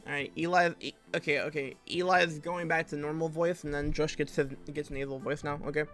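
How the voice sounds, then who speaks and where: A man's voice: fairly high pitch, steady tone, brisk, fairly bright tone, soft background music. Joking man reading aloud on stream. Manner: joking asides and frequent laughter.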